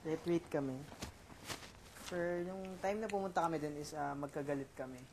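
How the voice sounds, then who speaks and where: A young man with a Filipino accent telling a story in casual chat, halting with many fillers and restarts. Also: on the high side, background noise. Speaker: reality show housemate.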